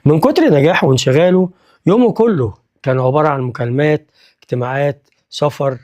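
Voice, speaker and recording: A man's voice: on the high side, animated, fast talker, darkish tone. A man with an Egyptian accent narrating a moral story in an earnest, reflective way.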